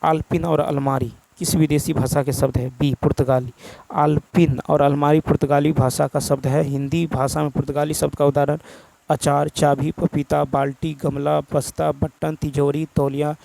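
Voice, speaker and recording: A man's voice: a little high, flat delivery, normal speed, creaky, mellow, low-quality recording. A man from India teaching an exam-prep lesson, going through each answer and then reeling off lists of examples.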